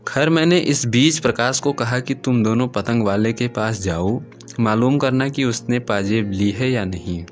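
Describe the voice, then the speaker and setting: A man reading a literary short story aloud in the first person, in a measured, steady storytelling manner. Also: medium pitch. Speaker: story narrator.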